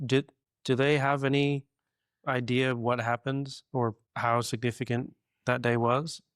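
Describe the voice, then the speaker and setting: A male interviewer with a medium-pitched voice, recorded dry. He talks conversationally and with measure, rephrasing his questions as he goes. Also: little pitch movement, a little slow, smooth, dry recording. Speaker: interviewer, host.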